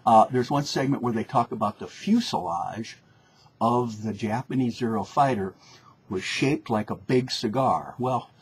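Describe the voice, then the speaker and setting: A man lectures informally, explaining things in a conversational, didactic way and often rephrasing for emphasis. His medium-pitched voice is unhurried and slightly rough, with faint background noise in the recording.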